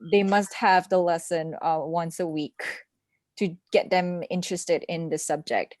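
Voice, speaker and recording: A young woman from Malaysia, an assistant language teacher joining the session, chats on a video call during a casual online conference, laughing a little and using lots of fillers. She speaks with a fairly low, darkish voice in a steady tone at a measured pace, and there is no echo.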